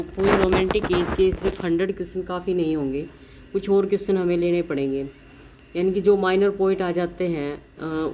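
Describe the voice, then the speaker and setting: A woman teacher giving an exam-prep lecture. She explains in Hindi and reads the English questions aloud slowly, often checking in with her listeners and correcting herself as she goes. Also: on the low side, noisy background. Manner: frequent self-corrections and "theek hai" check-ins.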